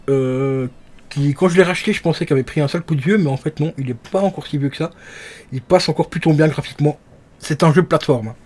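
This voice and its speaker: A young man chatting casually about his game collection, rambling with lots of fillers and restarts. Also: medium pitch. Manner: relaxed, rambling with many fillers. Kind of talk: casual chat.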